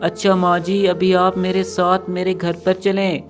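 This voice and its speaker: A gentle, polite little sparrow woman from a storybook cartoon, kind and welcoming, as a man puts her on. Her voice is pitched fairly high. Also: monotone, unhurried, soft background music. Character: kind poor female sparrow.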